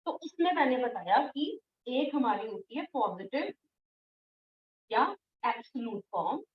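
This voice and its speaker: A woman teaching English grammar in an online class, patient, repeating and drilling words slowly. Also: fairly high pitch, big pitch swings, reverberant, distant mic, muffled recording, slight background noise. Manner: firm when scolding students.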